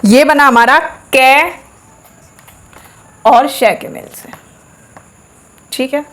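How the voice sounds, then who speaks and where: A woman teaches a class with a slightly high voice. She goes step by step, stops to ask questions and then answers them herself. She sounds out each letter slowly for the class to repeat. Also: steady tone, fairly bright tone, soft background music. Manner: says sounds aloud slowly for practice. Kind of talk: classroom lesson.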